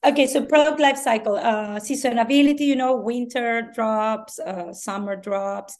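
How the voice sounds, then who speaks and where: A woman from Mexico, a native Spanish speaker with a Mexican accent, chats casually on a podcast. She has a fairly high-pitched voice and frequently stops to search for words.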